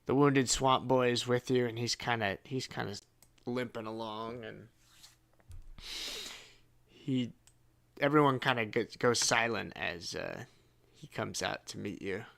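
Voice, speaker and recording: Brief: male game master, slow halting narration, gravelly bright voice. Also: mid-range voice. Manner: halting, many fillers and restarts.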